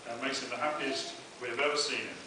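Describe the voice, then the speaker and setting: A man's voice: medium pitch, fast. A young man telling anecdotes in a prepared best man's speech at a wedding. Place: inside a wedding venue, speaking to guests. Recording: very echoey, noisy, distant event recording.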